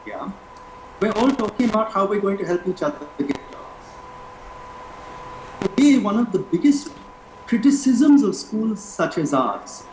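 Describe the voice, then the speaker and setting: A man making an emphatic, measured argument as a panel guest, pausing deliberately. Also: high-pitched. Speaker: panel guest, school alumni representative. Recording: roomy, noisy remote call audio.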